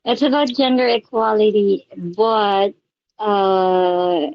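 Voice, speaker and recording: A woman's voice: medium pitch, fairly even intonation, slow, muffled recording. A woman from the Philippines answering interview questions, hesitant and thinking aloud with fillers.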